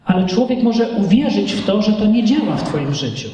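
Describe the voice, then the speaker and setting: A man preaching a sermon emphatically, with rhetorical questions and big swings in pitch. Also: very animated, moderate pace, dark tone, dull audio. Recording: echoey hall from far off.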